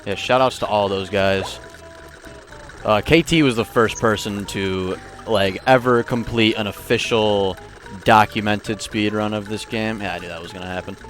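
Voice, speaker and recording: A man with a low voice chats casually while he speedruns, shrugging off his own misses. Game music plays clearly under his voice. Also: normal speed. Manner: relaxed, talks through his own mistakes. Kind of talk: casual live-stream talk while playing. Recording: live stream with game music.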